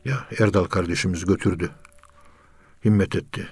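A man's voice: deep voice, normal speed, darkish tone, breathy edge, dry recording. A man teaching in a spiritual talk, urging listeners with repeated rhetorical questions. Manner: earnest, repetitive exhortation with rhetorical questions. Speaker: religious teacher.

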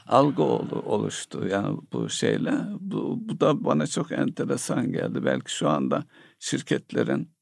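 Male economic commentator, heavy vocal fry, lively pitch, halting delivery full of filler sounds. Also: no room sound, clean studio sound. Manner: hesitant, many pauses and filler sounds. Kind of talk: analytical discussion.

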